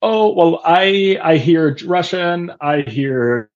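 A man's voice: fairly high pitch, expressive, slow, a little mellow, dull audio. A man from Austria, a language teacher, speaking as a guest on a video call, thoughtful and sprinkled with uh fillers. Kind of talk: casual interview chat.

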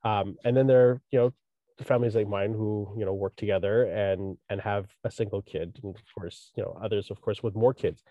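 A man's voice: lowish voice, steady tone, brisk, mellow, dry recording, dull audio. A man hosting a podcast interview, asking long, rambling questions full of "you know.". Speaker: podcast host. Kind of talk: casual interview conversation.

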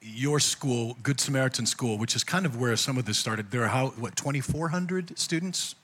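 A man's voice: medium pitch, moderate pace, a bit bright. A man hosting a casual interview, prompting his guest with questions. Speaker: host.

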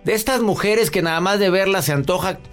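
A man's voice: high-pitched, a little fast, soft background music. A middle-aged man hosting a podcast interview, chatting in a playful way. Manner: playful, acts out parent quotes. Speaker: podcast host. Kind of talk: casual interview chat.

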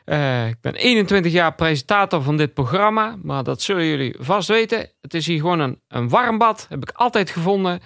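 A jittery local radio presenter, as a man puts him on, pitched well above a normal speaking voice and with an odd, distant timbre. He hesitates constantly, stumbling through fillers and restarts as he pitches himself. The delivery stays awkward and halting throughout. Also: expressive, vocal fry, a bit bright, dry recording, clean studio sound. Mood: awkward, nervous. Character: nervous small-town male radio host. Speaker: dating segment presenter.

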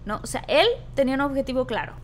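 A high-voiced woman with a Mexican accent hosts a casual talk and reacts with lively exclamations. A faint noise sits under her voice. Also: quick pace. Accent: Mexican Spanish. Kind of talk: casual chat.

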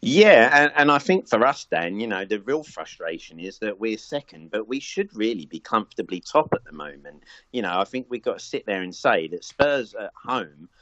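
A man's voice: on the low side, sing-song, normal speed, fairly bright tone, no room sound. A man in casual football chat as a pundit, thoughtful, with many fillers and restarts. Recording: dull lo-fi audio.

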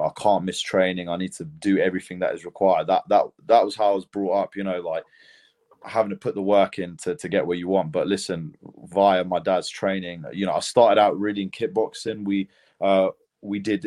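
A young Lithuanian man with a British accent, a mixed martial arts fighter, tells his story as a guest in a casual podcast interview. He rambles in a laid-back way with lots of fillers, speaking in a low, darkish voice.

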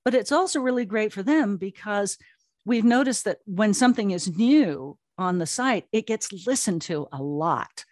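A woman who co-founded an audio drama platform answers interview questions conversationally, telling stories with emphatic repetition. Her medium-pitched voice is animated and darkish in tone at a normal speed, in a dry, clean studio recording.

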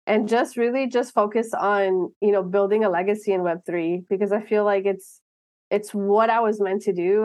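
Earnest, animated woman in her thirties. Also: mid-range voice, dry recording. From Miami, United States. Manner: earnest, animated, with frequent restarts and laughs. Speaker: guest. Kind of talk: casual interview conversation.

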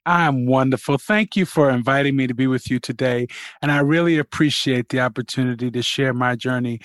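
A middle-aged man from Queens, New York, with a mid-range, slightly bright voice speaks briskly in clean studio sound with no room sound. A college president appearing as a podcast interview guest, he tells his life story in an earnest, reflective way, with fillers and restarts.

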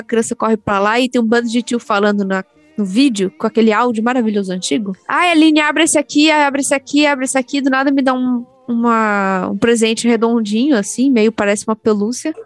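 Young woman, podcast co-host, high bright pitch, dry close mic, lively anecdote-teller who acts out voices. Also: fairly quick, no room sound. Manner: animated storyteller, acts out voices in her anecdotes. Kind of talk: casual chat among friends.

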